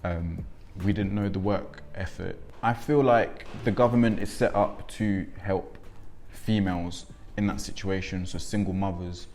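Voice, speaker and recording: A man's voice: deep voice, fairly even intonation, unhurried, hardly any pauses, a little mellow, a little hiss or hum. A man in his twenties, born in Congo and raised in England, speaking reflectively with frequent ums in a documentary interview. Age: 20s. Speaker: interviewee, young father.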